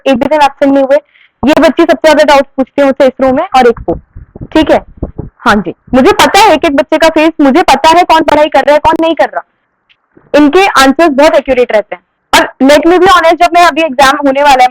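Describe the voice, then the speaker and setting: A woman's voice: high-pitched, dry recording, low-quality recording. A young woman teaching a commerce class. She asks questions and answers them herself, and she firmly scolds students who disrupt the lesson. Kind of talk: classroom lecture.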